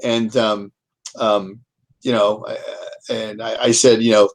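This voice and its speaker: A man's voice: lowish voice, little pitch movement, takes it slowly. A man, an author and guest, telling stories in a casual chat, rambling with repeats and restarts. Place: home, Kansas City.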